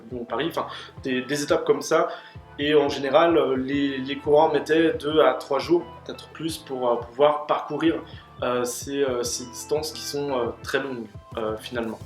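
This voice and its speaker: A man hosting a question-and-answer video, explaining at length with many fillers and restarts. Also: medium pitch. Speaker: host answering questions on cycling. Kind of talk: casual explanatory Q&A. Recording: roomy room with faint music.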